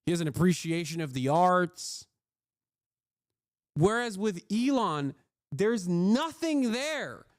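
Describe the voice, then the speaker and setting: Male streamer, mocking and profane, smooth tone, close dry mic. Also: high-pitched, big pitch swings, slow, long pauses, no room sound. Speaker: streamer reacting to clips. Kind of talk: casual live-stream commentary.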